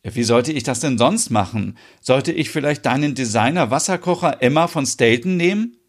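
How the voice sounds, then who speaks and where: A man's voice: medium pitch, animated, moderate pace, pitched above the performer's own voice, close to an everyday voice. Matter-of-fact young woman, read by a man, patient and explaining, storybook reading.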